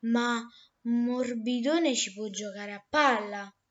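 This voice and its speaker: A woman voicing a gruff, careless male farmer in a storybook, booming and dismissive. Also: takes it slowly, a bit bright, muffled recording.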